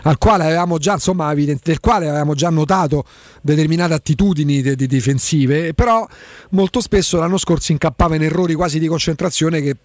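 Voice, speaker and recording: A man hosts a radio sports show in a slightly higher voice. He sets up his questions to the guest in a measured way. The sound is dry and close to the mic. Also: a little mellow, no echo.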